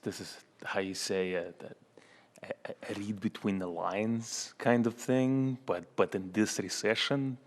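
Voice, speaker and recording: A man playing a smug male union boss with a Russian accent, speaking halting, broken English with many repetitions in a comedy sketch. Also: on the low side. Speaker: union spokesman. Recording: long hall reverb.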